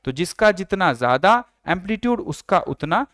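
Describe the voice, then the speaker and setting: A man's voice: sits high, very animated, normal speed, fairly bright tone, no room sound, studio quality. A male teacher giving a lecture, who repeats key phrases and asks and answers his own questions. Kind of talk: classroom lecture.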